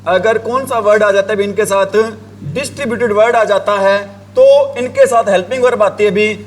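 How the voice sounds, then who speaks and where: A man's voice: sits high, a little fast, slight background noise. A male teacher giving a grammar lesson, asking the class the same questions over and over and answering them himself. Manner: drills the class with repeated questions, writing on a board. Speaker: English teacher.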